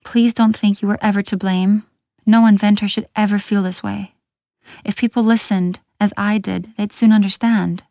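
A woman's voice: medium pitch, steady tone, normal speed, dark tone, no room sound, clean studio sound, close to an everyday voice. A woman voicing a young girl inventor in a storybook, speaking earnestly and pleadingly in a slightly raised voice. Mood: earnest urging.

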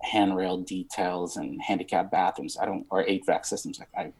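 A husky-voiced man in his thirties, from Romania, speaks as an interview guest. He rambles and searches for words, full of fillers and restarts, now and then dropping a swear word. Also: low-pitched, steady tone, moderate pace, darkish tone, low-quality recording. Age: 30s. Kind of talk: casual interview conversation.

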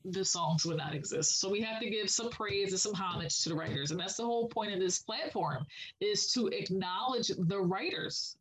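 A woman co-hosting a casual podcast about songwriting, speaking in an unhurried, affirming way with many filler pauses. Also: medium pitch, fairly bright tone, slightly rough, poor audio. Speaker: podcast co-host.

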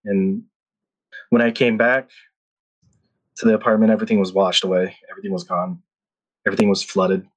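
A podcast guest in his thirties from the Philippines tells stories in a casual chat, rambling, restarting often and laughing. His husky voice sits low with a level tone, moving fairly quickly but broken by long pauses. The audio quality is poor.

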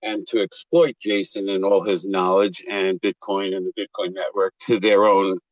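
A man with a tinny, thin sound and no bass, as if in a tin can, giving a measured, point-by-point opinion as a caller in a group chat. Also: little pitch movement. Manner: measured, deliberate, argues point by point. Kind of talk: casual opinion in a live discussion.

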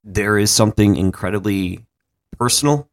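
A man's voice: on the low side, normal speed. A man co-hosting a podcast in casual chat, joking and swearing, often stumbling over repeated words as he starts a thought. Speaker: podcast co-host.

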